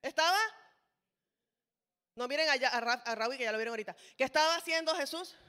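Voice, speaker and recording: A woman preaches with passion, pressing her listeners with emphatic rhetorical questions. Her voice is high and bright, and each phrase trails into the long reverb of a large hall. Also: a little fast. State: sweaty, toweling off. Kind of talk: sermon.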